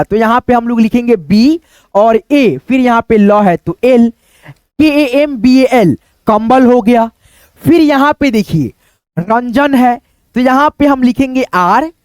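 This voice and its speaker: Man, very high voice, patient step-by-step lesson, asks and answers himself. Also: clean tone, dry recording. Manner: repetitive, explanatory, often asks and answers himself; addresses viewers as friends, drawn-out words. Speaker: teacher. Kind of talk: classroom-style lesson.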